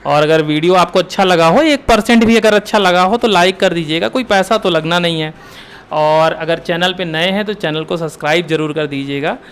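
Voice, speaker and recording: A man's voice: high voice, brisk, a bit bright, clear, resonant tone. A young man teaching an exam-prep Hindi lesson, asking questions and answering them himself, repeating key terms to drill them.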